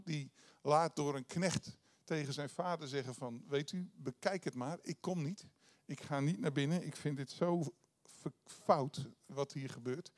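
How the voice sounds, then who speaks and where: A man preaching a sermon, retelling a parable in a conversational way, with frequent hesitations and restarts. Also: fairly high pitch.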